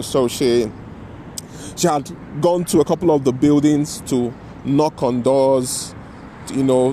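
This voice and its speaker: Vlogger, male, slightly high voice, casual rambling storyteller outdoors with faint traffic behind. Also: dark tone. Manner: rambling, frequent "you know" and "right?" tags. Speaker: vlogger telling a personal story.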